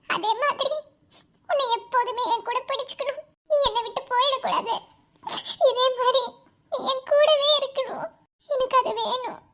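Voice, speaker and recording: A tearful, clingy young cartoon wife. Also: female voice, extremely high pitch, fairly bright tone. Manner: pleading, sobbing through her words. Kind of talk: animated cartoon voice acting.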